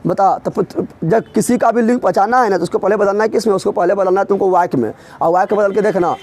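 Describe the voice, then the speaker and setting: A man leads an exam-prep grammar lesson in a high-pitched voice. He drills students with constant rhetorical questions, answering them himself and teasing the class as he goes. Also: quick pace, a little mellow. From Bihar. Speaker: teacher.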